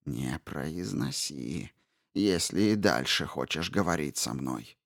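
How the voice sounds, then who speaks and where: A man voicing an old witch who was once a fairy queen, bitter and guarded, in a hushed, slow, menacing tone for an audiobook. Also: lowish voice, lively intonation, gravelly, no room sound, clean studio sound. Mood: hissing, bitter. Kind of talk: audiobook character reading.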